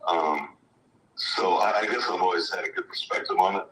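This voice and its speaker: A middle-aged man with a low, fairly bright voice speaks at a normal pace, giving reflective interview answers over a video call. A former pro football player turned high school coach, he answers thoughtfully, often restarting hesitantly. The mic sounds distant and echoey, with background noise.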